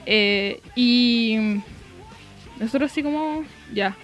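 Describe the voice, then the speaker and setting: A young woman with a Chilean accent, co-hosting a casual podcast and retelling events in an animated, slang-heavy way. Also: high voice, a little fast, dull audio, faint music behind. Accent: Chilean Spanish. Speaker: podcast co-host. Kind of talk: casual chat.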